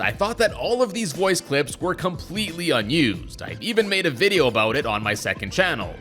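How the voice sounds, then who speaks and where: A man's voice: on the high side, bright, forceful tone. A man hosting a gaming video, reading scripted explainer narration. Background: music.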